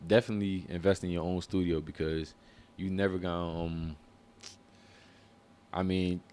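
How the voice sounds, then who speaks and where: Talking about his music in an interview, this rapper and musician has a deep, darkish voice with little pitch movement and a moderate pace. His answers come out relaxed and slangy, loosely phrased and packed with fillers.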